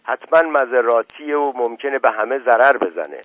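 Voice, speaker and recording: A man's voice: mid-range voice, expressive, no echo, dull audio, pitched above the performer's own voice, lightly acted. A man reading aloud as a firm, decisive village elder who leads the others. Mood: commanding. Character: commanding village elder man, calm leader.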